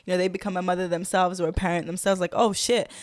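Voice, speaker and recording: Fast-talking and darkish in tone, this young woman keeps her fairly low voice mostly flat in pitch. As a podcast guest raised partly in Zimbabwe and London, she reflects candidly and thoughtfully, often using fillers, restarting, and laughing easily, in a dry, studio-quality recording.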